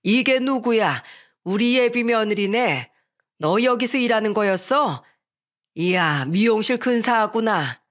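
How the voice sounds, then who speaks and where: A woman voicing a middle-aged working father who talks slowly and loudly with indignation, in a narrated radio story. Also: on the high side, lightly acted. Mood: cheerful.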